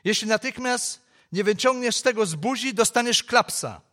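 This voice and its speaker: A man's voice: extremely high pitch, moderate pace, fairly bright tone. A man voicing a stern, poor young mother who scolds her child in a told story. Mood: scolding.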